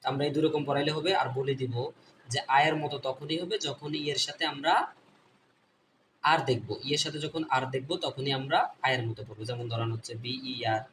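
A man's voice: mid-range voice, fairly even intonation, a little fast, fairly bright tone, recorded from a distance. A man with a Bangladeshi Bengali accent teaching an online phonics lesson, repeating each point and asking and answering his own questions. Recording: voice a bit off-mic, faint background noise.

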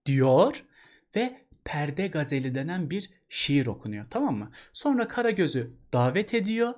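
A man's voice: fairly high pitch, sing-song, normal speed. A man teaching an exam-prep literature lesson in a chatty way, asking rhetorical questions and addressing the student as a buddy.

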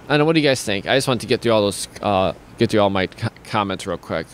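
A man's voice: lowish voice, lively intonation, fast. Young man, stream host, rambling casual chat, home studio mic, faint background hiss. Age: young adult. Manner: rambling, many restarts and fillers, reads viewer comments aloud. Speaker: host of a streaming talk show. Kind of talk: casual video-call chat. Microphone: studio mic with headphones.

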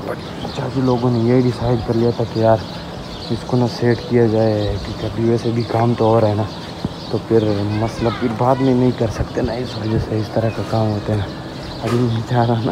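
A young man in his twenties chatting casually to his viewers while he gives a tour of a house and yard. He keeps tagging "na" onto his sentences as he points things out. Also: mid-range voice. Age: 20s. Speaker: vlogger. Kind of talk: casual home-tour vlog. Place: outdoors on a rooftop and a village yard. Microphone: phone held at arm's length. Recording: outdoor background noise with birds.

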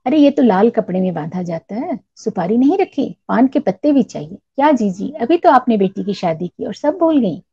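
A woman's voice: a little high, sing-song, normal speed, hardly any pauses, dark tone, breathy edge. A woman voicing a fussy, chiding older female relative in a storybook reading. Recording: dull lo-fi recording.

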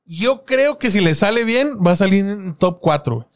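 A young man with a Mexican accent chats casually as a podcast co-host. His talk is crude and full of slang. His voice sits a little high. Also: animated, normal speed. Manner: crude slang-heavy banter. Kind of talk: casual chat.

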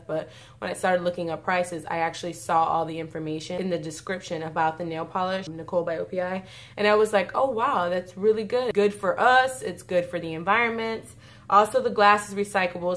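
A woman's voice: medium pitch, fairly bright tone. A woman chatting casually in a beauty haul video, gushing and often saying y'all. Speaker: beauty vlogger.

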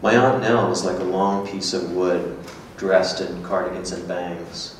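In a staged reading of a literary dialogue, a performer plays a guarded, melancholy man in a low, brooding, reminiscent voice with little pitch variation and a measured pace. It was recorded before an audience in a small gallery room, his stand mic picked up by a distant camera, so the sound is very echoey with faint noise.

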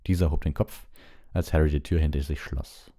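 A man reading a storybook aloud as an audiobook, in a calm, measured storytelling manner with small slips. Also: very deep voice. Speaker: audiobook reader.

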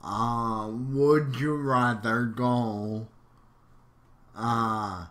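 A man's voice: medium pitch, fairly even intonation, drawn-out words, a bit bright. A man reading out would-you-rather questions and answering them offhandedly in casual commentary. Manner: reads questions aloud, then answers offhand. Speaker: YouTuber.

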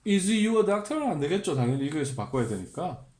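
Lively-voiced man teaching in an echoey room. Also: fairly high pitch, normal speed. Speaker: English teacher. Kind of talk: beginner grammar lesson.

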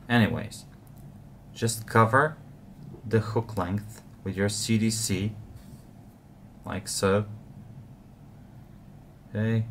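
Low-voiced man explaining fly tying. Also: a little hiss or hum. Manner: relaxed, explanatory, frequent uh fillers. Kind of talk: step-by-step tutorial narration.

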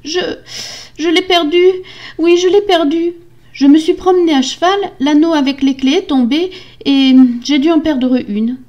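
A woman voicing a frightened young wife in a storybook reading, high, stammering and pleading. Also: very animated, moderate pace, hardly any pauses, dark tone, highs cut off. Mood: fearful.

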